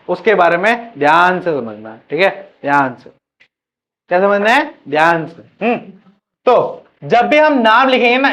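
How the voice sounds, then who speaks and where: A man's voice: high-pitched, fairly bright tone. A man teaching a chemistry class, asking questions and repeating the answers for students to drill. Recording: muffled lo-fi classroom recording.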